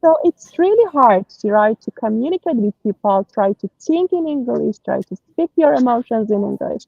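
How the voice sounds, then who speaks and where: Fairly high-pitched and gravelly, her voice is expressive and moves at a moderate pace. She is an interview guest from Iran whose first language is Persian, and she answers in English with an Iranian accent, earnestly and hesitantly, full of fillers and restarts. The audio is dull, with no echo.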